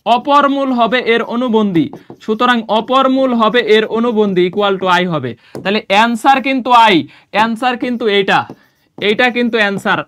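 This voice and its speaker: A young man teaching a math lesson for exam prep, quizzing students with quick questions and mixing in English math terms. He sounds a little tired and low on energy after a run. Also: fairly bright tone, smooth.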